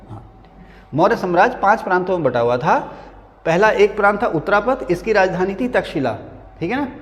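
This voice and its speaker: High-voiced male teacher in a reverberant classroom. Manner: repeats key answers as quiz-style questions; chatty, jokes with students between points. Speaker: history teacher at a coaching academy. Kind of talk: classroom lecture. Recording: long reverb of a hall-like classroom.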